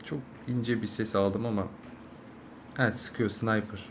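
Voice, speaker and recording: A young man, a mobile game streamer, giving live gameplay commentary, swearing constantly and swinging from angry yelling to low muttering. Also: fairly even intonation, a little slow. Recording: noisy game audio behind.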